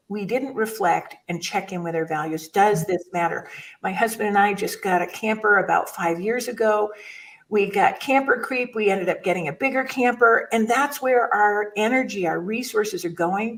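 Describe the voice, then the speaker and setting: An older woman, a guest chaplain, chats casually in a mid-range voice at a moderate pace, telling rambling stories she often breaks off and restarts. She is recorded from a distance, and the audio is poor.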